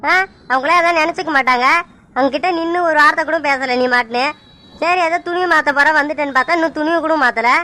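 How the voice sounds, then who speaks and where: A stern middle-aged village father in a cartoon, brisk and firm as he hands out orders, voiced by a woman. The voice sits high and bright for a father, and it is bossy and clipped. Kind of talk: animated cartoon voice acting.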